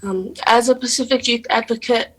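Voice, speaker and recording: Earnest young New woman, flat delivery. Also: on the high side, rough recording. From New Zealand. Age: young adult. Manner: earnest and steady, with frequent "um" pauses. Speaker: guest, poet and youth advocate. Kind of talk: radio interview answers.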